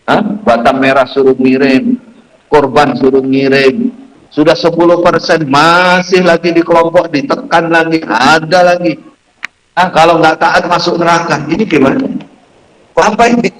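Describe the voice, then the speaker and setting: A man preaching a sermon in a mosque, telling stories and acting out the voices of the people in them with big swings in pitch. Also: fairly even intonation, moderate pace, echoey room, low-quality recording.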